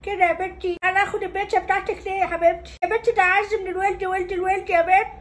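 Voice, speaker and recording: A woman's voice: extremely high pitch, little pitch movement, racing, soft background music, voice pushed up. A woman playing a whiny, self-pitying old grandmother with an Egyptian accent in a comedy sketch, wailing her complaints. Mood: wounded, wailing. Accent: Egyptian Arabic.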